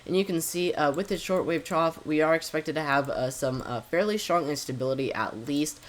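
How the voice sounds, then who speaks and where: A man hosting his own weather forecast, talking through model maps with frequent pauses and filler words. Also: fairly high pitch. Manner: hesitant, frequent "uh" fillers and self-corrections. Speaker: amateur weather forecaster, channel host.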